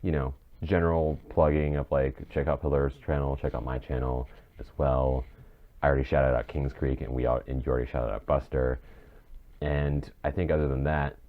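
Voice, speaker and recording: A very deep-voiced man speaks at normal speed in a level tone. Co-hosting a podcast as an audio drama creator, he rambles casually and often reworks his phrasing. The recording is dull and muffled, with clear noise.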